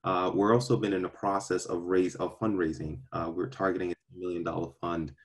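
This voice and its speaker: This deep-voiced young man, a Ghana-born, Brooklyn-raised venture capital partner, delivers flat, earnest and measured answers as an interview guest. Speaking outdoors in a park through a video call webcam, he fills his replies with ums and repeated starts.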